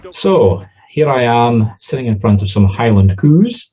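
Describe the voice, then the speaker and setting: A man's voice: medium pitch, very animated, measured pace, mellow, lo-fi sound. A man with a Southern Scottish accent giving an informal explanatory talk as a spiritualist medium, in a conversational way with examples. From Scotland.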